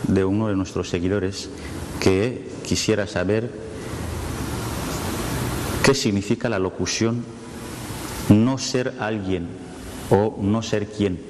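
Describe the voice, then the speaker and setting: A man formally addresses an expert on a TV program and reads out a viewer's question. His voice is low and he speaks slowly. There is a clear hiss behind him, in a reverberant space. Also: fairly even intonation. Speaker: TV co-host reading viewer questions.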